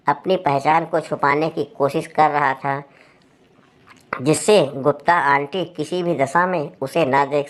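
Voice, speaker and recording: A woman telling a story aloud with a steady, expressive read. Her voice sits low for a woman. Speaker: story narrator. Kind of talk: storytelling narration.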